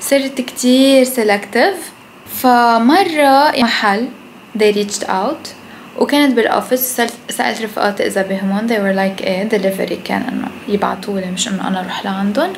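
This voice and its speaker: Speaking briskly in a medium-pitched, fairly even voice, a young Lebanese woman talks bluntly to camera about food, cursing freely and switching into English at times. She's indoors at home in the kitchen and living room, and the rough recording has clear background noise.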